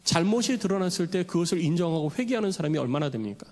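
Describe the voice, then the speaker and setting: A man preaching a Sunday sermon as pastor in a church sanctuary, lively and dramatic, acting out the voices he quotes. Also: high-pitched, fast talker. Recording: long church hall reverb.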